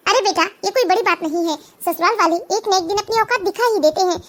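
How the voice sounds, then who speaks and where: A sly middle-aged mother schemes in a high, sugary cartoon voice, as a woman plays her. Her talk is falsely kind and coaxing, with an edge of cunning underneath. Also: fast talker, fairly bright tone. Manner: falsely sweet, honeyed. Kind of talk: cartoon voice acting.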